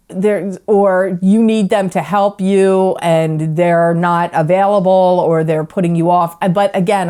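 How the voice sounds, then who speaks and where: A woman's voice: on the low side, darkish tone. A middle-aged woman giving a casual tarot reading, rambling with many fillers and restarts. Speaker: psychic tarot reader.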